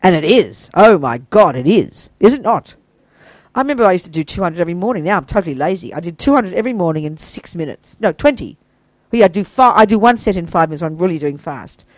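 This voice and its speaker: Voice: medium pitch, animated, quick pace, no echo, rough recording. Older buddhist teacher chatting thru a practice, super enthusiastic, lots of asides, dry close sound. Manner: chatty and enthusiastic, full of warm praise and asides. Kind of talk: informal dharma teaching to a small group.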